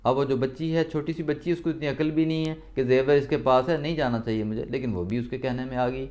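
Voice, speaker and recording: A man's voice: mid-range voice, fairly even intonation, darkish tone. A male teacher reading a story aloud and retelling each line in plainer words, often repeating himself. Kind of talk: reading and explaining a story lesson.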